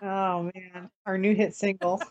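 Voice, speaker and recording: Female podcast co-host, medium pitch, frazzled and tired, loose rambling chat with frequent false starts. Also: little pitch movement, unhurried, darkish tone, dull audio. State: mentally fried, tired. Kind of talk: casual live-stream chat.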